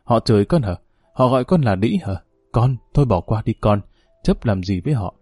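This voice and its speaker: A weary, gentle aging father in a storybook reading, voiced by a man narrator. He speaks softly and consolingly, in a mellow, warm tone. His pitch rises and falls a lot, and faint music plays behind him. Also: lively intonation, moderate pace, breathy edge, no echo. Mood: soothing. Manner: soft, consoling, low-spoken.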